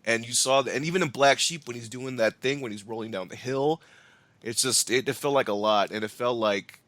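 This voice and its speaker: A man co-hosting a podcast, talking about films in an animated way, laughing and swearing now and then. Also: mid-range voice, brisk, no echo. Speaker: podcast co-host. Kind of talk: casual film discussion.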